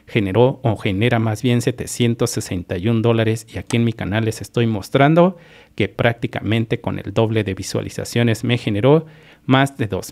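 A YouTube channel host from Mexico explains earnings on a screen recording in a repetitive, methodical way, talking directly to viewers. He has a lowish, gravelly voice that's a little mellow.

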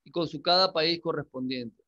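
A male English teacher giving a class, repeating words slowly and checking in with questions. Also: on the high side, sharp tone, dull audio. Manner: coaxing, checks in with frequent questions. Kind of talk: classroom lesson.

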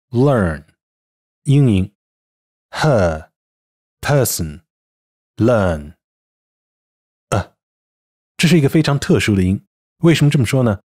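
A man's voice: medium pitch, darkish tone. A man narrating a scripted English pronunciation lesson, explaining vowels step by step and reading out example words. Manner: explanatory, with spoken word examples.

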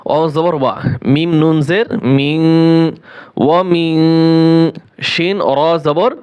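A man leads a recitation lesson, sounding out each word letter by letter before chanting it. His voice sits somewhat high, and he moves at a very slow, deliberate pace. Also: clean tone. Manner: spells each word syllable by syllable, then chants it slowly. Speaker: Quran recitation teacher.

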